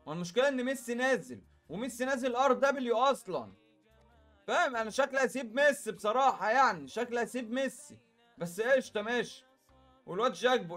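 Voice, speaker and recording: A young Egyptian man with a very high voice talks fast through casual gameplay commentary. He speaks directly to his viewers in a chatty way, full of quick asides, and faint music plays behind him. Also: fairly bright tone. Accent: Egyptian Arabic. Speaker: gaming YouTuber.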